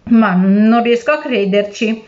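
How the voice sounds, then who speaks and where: A woman's voice: on the high side, a little slow, a little mellow, highs cut off, close to an everyday voice. A woman reading aloud and voicing a poor fisherman who pleads for his life and then outwits his captor. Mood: desperate, cunning. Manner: pleading, then shrewd and defiant. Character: poor, desperate, clever old fisherman.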